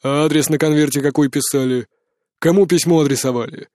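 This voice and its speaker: A man reading an audiobook, voicing a stern male investigator who asks slow, pressing questions. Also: fairly high pitch, steady tone, darkish tone, dry recording, clean studio sound, close to an everyday voice. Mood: probing.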